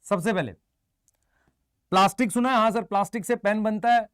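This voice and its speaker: A man teaching a biology lesson, briskly quizzing his students and answering for them, mixing Hindi with English terms. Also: sits high, smooth, no echo, studio quality. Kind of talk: live online exam-prep lecture.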